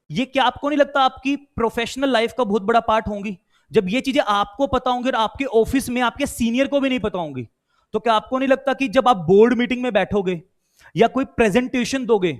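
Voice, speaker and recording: A man with an Indian accent teaching a law class, quizzing students and mixing Hindi with English. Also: extremely high pitch. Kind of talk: online class lecture.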